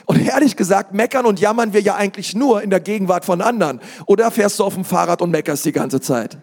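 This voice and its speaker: A male pastor preaching an emphatic sermon, speaking straight to the congregation and rising to shouts. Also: sits high, fast.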